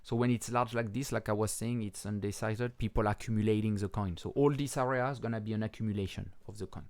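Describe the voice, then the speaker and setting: A man with a French accent and French as his first language, talking through crypto charts in a casual, halting way with many pauses and restarts, and swearing bluntly now and then. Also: on the low side, fairly even intonation, a little mellow. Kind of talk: casual market commentary over charts.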